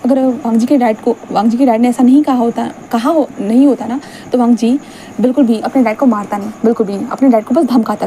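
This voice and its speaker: A woman's voice: fairly high pitch, warm tone, slight background noise, poor audio. A woman telling a fan fiction story in a casual, chatty way, mixing in English words and briefly acting out the dialogue.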